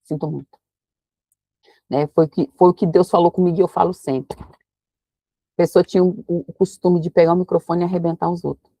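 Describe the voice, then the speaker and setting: A woman leading a devotional Bible study. She reads scripture slowly and explains it in a lively, conversational preaching tone. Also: on the low side, dry recording.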